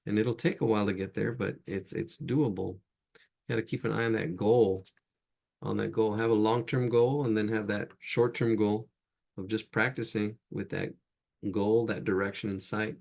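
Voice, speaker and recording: A man's voice: lowish voice, fairly even intonation, normal speed, creaky, a little mellow. A man teaching a live online drawing class, chatty and laughing at his own jokes as he sketches. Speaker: drawing instructor.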